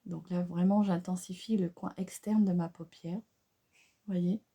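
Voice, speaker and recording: Her voice is husky, fairly low, and a little slow. She's a beauty vlogger giving a casual makeup tutorial straight to her audience, chatty yet hesitant with many fillers, and she gushes excitedly about the colors.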